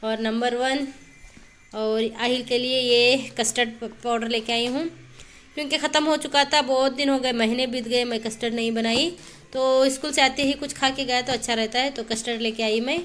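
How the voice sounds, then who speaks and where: A woman's voice: a little high, fairly even intonation, normal speed, fairly bright tone. A woman in her thirties filming a casual home vlog in a small kitchen with a phone at arm's length, chatting in a homely, rambling way. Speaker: vlogger, mother. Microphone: phone held at arm's length.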